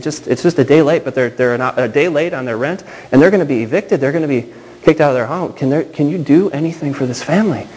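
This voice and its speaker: A man's voice: medium pitch, darkish tone, long reverb tail, natural voice, rough recording. A man doing a breathless, pleading big guy. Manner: urgent and pleading.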